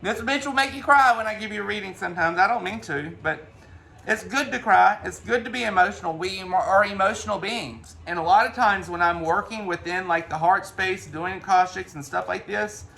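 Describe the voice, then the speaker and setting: A man's voice: high-pitched, a little fast, gravelly, bright, forceful tone. A man giving a casual spiritual talk as a reader, rambling along with frequent restarts and the odd swear word.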